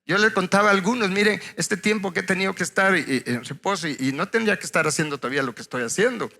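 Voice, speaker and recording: Pastor guy preaching, gravelly higher voice, long hall echo. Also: rapid-fire, sharp tone. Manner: storytelling with acted quotes, conversational asides. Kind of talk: sermon.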